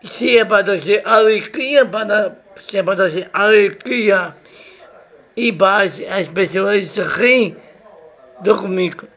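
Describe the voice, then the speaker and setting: A young man with a Brazilian Portuguese accent talks casually to his webcam. His delivery is very slow and halting, broken into short repeated bits. The voice carries a noticeable creak. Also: high-pitched, fairly bright tone. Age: young adult. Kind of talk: casual homemade tongue-twister challenge. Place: small bedroom, indoors. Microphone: webcam or computer mic at close range.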